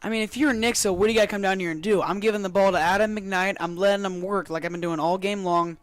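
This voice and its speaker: High-voiced man giving enthusiastic football commentary. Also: steady tone, fast, dry recording. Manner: enthusiastic, emphatic, repeats phrases. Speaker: color commentator. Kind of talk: live football color commentary.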